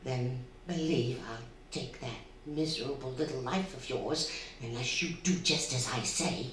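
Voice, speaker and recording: Low, menacing undead spirit, echoey hall. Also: female voice, a crowd in the background. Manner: menacing, coaxing, cackling, drawn-out theatrical delivery. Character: sinister undead old female spirit, taunting and bloodthirsty. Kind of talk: stage radio drama acting. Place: theatre stage before a live audience. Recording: very echoey hall, distant, faint noise.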